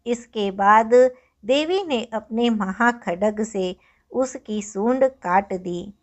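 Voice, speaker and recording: A woman narrating a scripture story as a devotional reader, with measured, solemn recitation. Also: fairly high pitch.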